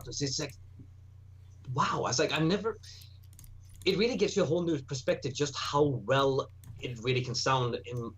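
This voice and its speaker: A man on a casual voice chat, sharing his opinion of a musician in a halting way full of restarts. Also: mid-range voice, fairly bright tone, breathy edge.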